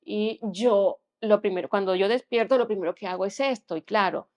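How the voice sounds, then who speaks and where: A young woman giving an earnest personal testimony as a podcast guest, often dropping to a hushed tone. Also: medium pitch, moderate pace.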